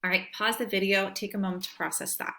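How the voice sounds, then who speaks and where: A woman's voice: medium pitch, little pitch movement, fast, gravelly, a bit bright. A woman teacher narrating a screen-recorded lecture over a computer microphone, explaining step by step and checking in with "right?".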